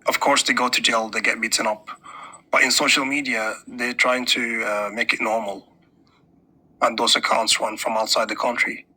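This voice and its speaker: A man from Sudan, calmly explaining his points in a casual group discussion. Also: mid-range voice, normal speed, breathy edge. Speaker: podcast guest.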